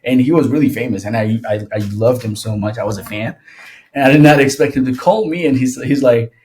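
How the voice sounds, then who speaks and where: A young Ethiopian man, a worship singer, joins a podcast as a guest for a casual conversational interview. He's relaxed and rambling, with frequent restarts and laughs. His mid-range voice moves briskly.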